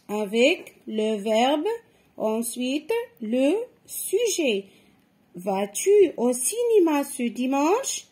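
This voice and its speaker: A woman's voice: sits high, a little mellow. A woman teaching a grammar lesson to children, explaining patiently and step by step. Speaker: French teacher.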